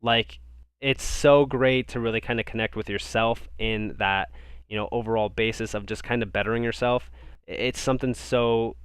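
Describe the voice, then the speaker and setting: A man's voice: mid-range voice, steady tone, normal speed, fairly bright tone, clear, resonant tone, dry recording. A young man from the United States hosting a crypto live stream, reading viewer comments and answering in a casual, rambling way, often repeating words. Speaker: crypto livestream host.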